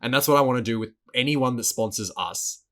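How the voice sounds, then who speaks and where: A man's voice: medium pitch, a little fast, a bit bright. A man co-hosting a podcast in casual chat, swearing often, laughing and repeating words as he talks. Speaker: podcast co-host.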